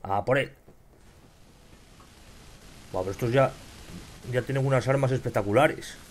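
A young man with a Spain Spanish accent commenting on his gameplay, excitable and swearing often as he shouts at enemies. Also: medium pitch, measured pace, a little hiss or hum. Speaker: gamer.

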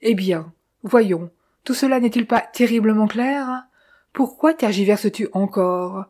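A woman's voice: mid-range voice, a little slow, darkish tone, lightly acted. A woman voicing Austin, a stern man pressing his brother to confess, who talks in an insistent, questioning way.

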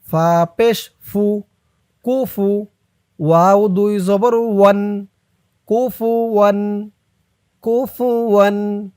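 A Bangladeshi man leads a recitation lesson in a smooth, high voice, spelling each letter and vowel at a very slow pace. He chants each word drawn out, then explains briskly. The sound is dry and close, with no room around it. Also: steady tone, a little mellow, dry recording. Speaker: Quran recitation teacher.

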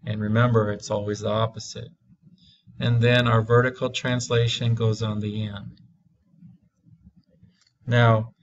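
Slow deliberate male math teacher. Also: mid-range voice, lo-fi sound. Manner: slow, deliberate, stretching key words. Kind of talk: classroom math lesson.

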